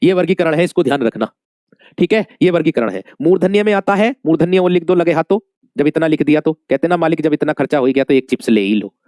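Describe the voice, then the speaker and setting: A man's voice: a little high, lively intonation, quick pace, darkish tone, dry recording, studio quality. A male Hindi teacher giving an exam-prep lesson, calling his students dear friends, asking questions and repeating the answers many times.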